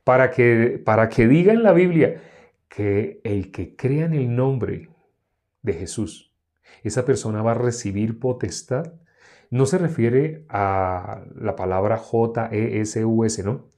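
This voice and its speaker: A man delivers a sermon in a mellow, warm voice at a middle pitch. He teaches by firing rhetorical questions at the listeners. He often jumps up in pitch to stress a point. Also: slow pace. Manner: lively, emphatic swings in pitch. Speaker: preacher.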